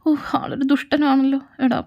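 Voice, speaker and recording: A woman's voice: sits high, little pitch movement, normal speed, muffled recording. Woman voicing a whiny, cheeky young man. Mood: pleading. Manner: whiny and begging. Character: cheeky, pleading young man, the best friend. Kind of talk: fan audio drama.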